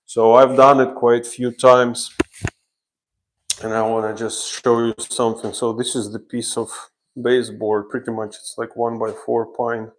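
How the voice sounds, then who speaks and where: Speaking slowly and in fits and starts, a Ukrainian man explains his renovation work step by step during a livestream from the job site. His voice sits mid-range with little pitch movement, and the recording is rough.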